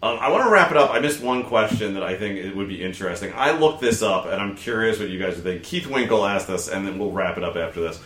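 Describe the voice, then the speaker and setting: A man's voice: fairly low pitch, expressive, fast, few pauses, fairly bright tone. A man with a Southern California surfer accent hosting a casual sports podcast in an echoey room. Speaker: podcast host.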